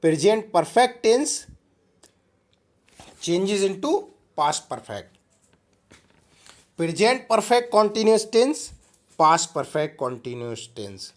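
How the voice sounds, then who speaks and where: A man's voice: sits high, very animated, slow, long pauses. A man teaching a grammar lesson, explaining step by step and speaking to his students directly.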